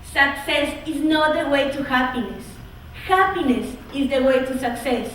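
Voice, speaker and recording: A young woman from Ecuador, a student, delivering an earnest, measured oratory speech. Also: high voice, expressive, a bit bright, recorded from a distance, slight background noise. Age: young adult. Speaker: student speaker. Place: college auditorium. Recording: echoey hall, mic from afar.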